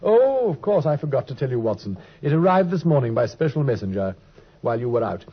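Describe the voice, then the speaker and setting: A wry, teasing detective, brilliant and aloof, lectures in a drawl in this 1950s radio drama, voiced by an actor with a medium-pitched, sing-song delivery that runs a little fast. The recording is old, dull, and husky.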